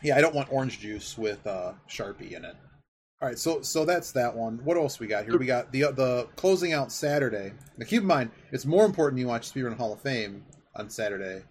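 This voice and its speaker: A brisk male podcast host with a mid-range voice and lively intonation chats casually about sports, wandering enthusiastically from point to point. Background noise is plainly audible.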